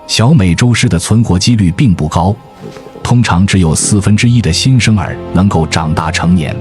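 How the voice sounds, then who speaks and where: A man reading a scripted nature documentary narration in a measured, storytelling way, as the narrator. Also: low voice, darkish tone. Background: music.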